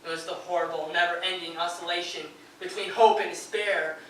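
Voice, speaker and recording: On stage in a radio station's performance room, a man portrays a nervous poet mourning his wife, his high-pitched voice bright, brisk and forceful with fairly even intonation. He reads poetry and letters fervently and declaimingly, his bitter grief rising into anguished outbursts. The live room is very echoey, the mic distant, with faint noise.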